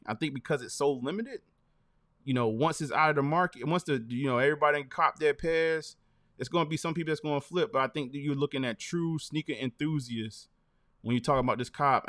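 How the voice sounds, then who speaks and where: A man hosting a casual show, talking in relaxed slang and laughing often. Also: mid-range voice, dry recording, studio quality. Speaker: host. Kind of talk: casual sneaker-news chat.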